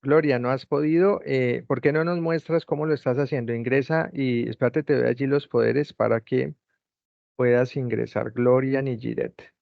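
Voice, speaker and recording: A man's voice: mid-range voice, steady tone, moderate pace, gravelly, dry recording. A man tutoring an online class over a video call, patiently repeating step-by-step instructions. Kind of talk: guiding students through a video call. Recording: dull lo-fi call audio, dry.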